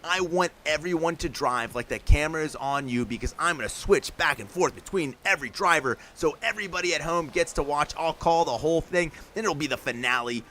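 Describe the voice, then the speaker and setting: A man hosting a live stream, calling play-by-play commentary with energetic hype and talking straight to his chat. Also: a little high, a little fast, few pauses, slight background noise. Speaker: stream host and announcer.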